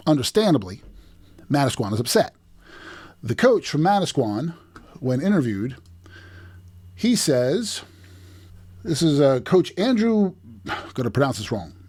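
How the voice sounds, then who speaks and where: A middle-aged man from New Jersey hosting a sports video, walking through game footage play by play with emphatic, repeated phrases. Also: medium pitch. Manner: animated play-by-play, emphatic restarts. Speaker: host breaking down game footage.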